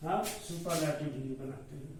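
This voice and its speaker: High-voiced teacher in an echoey room. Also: male voice. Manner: slow, repetitive explaining. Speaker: school teacher. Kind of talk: classroom grammar lesson. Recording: echoey room, mic far off, faint noise.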